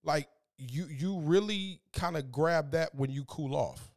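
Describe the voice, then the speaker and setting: Earnest preaching man, slightly high voice. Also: measured pace. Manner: earnest, preachy, repeats words when fired up. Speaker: podcast host. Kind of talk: faith-based motivational monologue.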